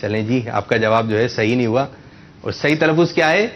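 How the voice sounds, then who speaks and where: A man's voice: mid-range voice, lo-fi sound. A man hosting a religious quiz show for children, patiently correcting and repeating their answers.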